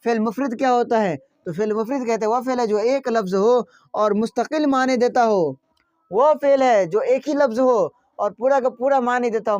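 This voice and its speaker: A man's voice: very high-pitched, darkish tone, dry recording. A man teaching a grammar class, repeating each point and quizzing his listeners with questions. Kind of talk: classroom lesson explaining grammar. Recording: dry, dull lo-fi sound.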